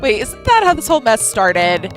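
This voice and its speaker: A woman's voice: on the high side, big pitch swings, normal speed. A young woman who sounds sleep-deprived, streaming a game with casual commentary, reading aloud and adding wry, playful asides. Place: indoor room. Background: game music.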